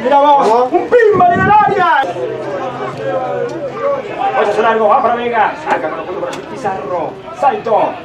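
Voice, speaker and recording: High-pitched Argentine man, breakneck goal commentary. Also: muffled recording. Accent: Argentine Spanish. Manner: excitable, shouting drawn-out goal calls. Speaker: football match commentator. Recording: distant, echoey, very noisy stadium recording. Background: loud crowd and outdoor stadium noise.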